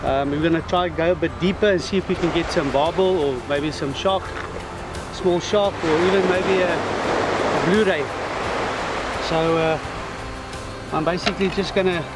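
A man's voice: a little high, steady tone, normal speed, long pauses, rough recording. A man from Namibia, a competing angler, talking plainly in a casual beach interview with many fillers. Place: outdoors on a beach. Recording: outdoor beach audio under loud music.

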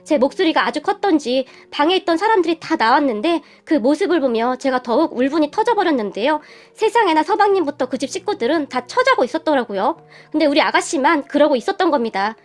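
A woman's voice: high voice, lively intonation, quick pace, faint music behind. A woman narrating a dramatic first-person story in a heated, emphatic way.

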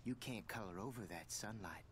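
A man playing a creepy, slow-drawling low-voiced janitor. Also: slight background noise, natural voice. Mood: slow, cryptic. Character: creepy male campus janitor, cryptic and gentle. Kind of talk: video game dialogue.

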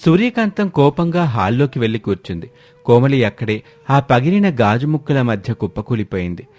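A man narrating a family drama story in a steady, dramatic way. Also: medium pitch, brisk.

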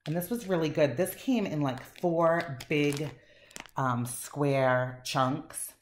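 Speaking slowly in a deep voice, a woman gushes over wax melts, wandering from point to point with lots of fillers. It's a casual chat, and the room echoes with faint noise underneath.

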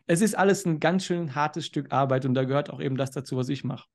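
A man talking as a podcast guest, explaining finance in an animated way that is sometimes fast and loud. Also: fairly high pitch. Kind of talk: casual podcast conversation.

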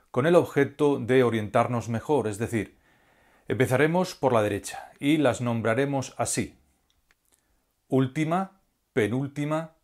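A man giving a scripted grammar lesson as a teacher, speaking slowly and deliberately and spelling out syllables one by one. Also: medium pitch. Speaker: language teacher.

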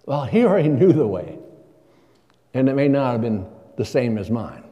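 Speaking at normal speed in a mid-range voice, this older guest preacher is very animated as he preaches from the pulpit, questioning his congregation conversationally. The lo-fi recording carries a long church reverb.

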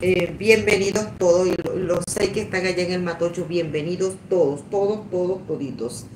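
A woman's voice: on the low side, normal speed, a little mellow, distant mic. A woman hosting a casual livestream, greeting viewers by name with affectionate pet names, chatty and laughing often. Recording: echoey room with faint background noise.

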